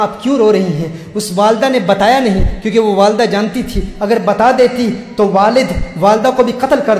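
High-voiced preacher in an echoing hall. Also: male voice, darkish tone. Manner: emotional, repetitive pleading cadence. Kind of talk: sermon storytelling. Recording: echoey hall.

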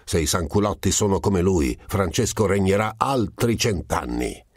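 A man voicing a choleric middle-aged monk who shouts and sputters insults, read as an audiobook character. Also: sits low, animated, normal speed, husky, no room sound, studio quality, pitched above the performer's own voice. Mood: scornful ranting.

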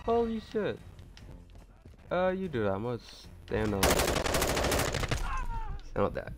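A man giving casual, excitable commentary while playing a shooter game, swearing and thinking aloud. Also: mid-range voice, slow pace, very noisy. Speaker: gamer.

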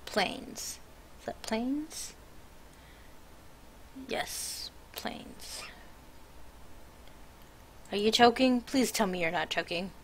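A woman's voice: a little high, lively intonation, very slow, pauses often, slight background noise. Tired young woman streamer, rambling. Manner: rambling, teasing, self-interrupting. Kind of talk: casual live-stream chat.

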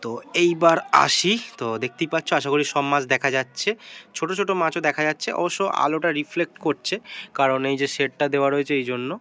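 A young man hosts a casual daily vlog, talking straight to his viewers. His voice sits high and bright, and he rattles along quickly, bubbling with excitement. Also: clear, resonant tone. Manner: excited, chatty, addresses viewers directly. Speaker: vlogger. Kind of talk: casual vlog chat to camera.

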